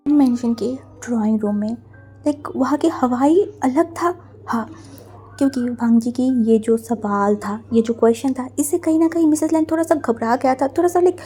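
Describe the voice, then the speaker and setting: A woman tells a fan-fiction story casually, sprinkling in English fillers. Her voice sits fairly high, with a mellow, soft tone and a breathy edge. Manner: chatty, with frequent English filler words.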